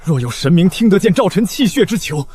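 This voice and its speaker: An actor playing an anguished, devoted warrior prince in a historical drama, speaking in impassioned, formal archaic declamation. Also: male voice, a little high, huge pitch swings, normal speed, fairly bright tone, breathy edge, exaggerated voice. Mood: desperate pleading.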